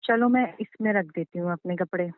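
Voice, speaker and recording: A woman's voice: lowish voice, fairly quick, dry recording. A woman playing a man's ex in a scripted couple drama, coolly insisting that she will move in. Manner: cool, pushy, matter-of-fact. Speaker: husband's ex in a staged call drama. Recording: tinny phone-line sound.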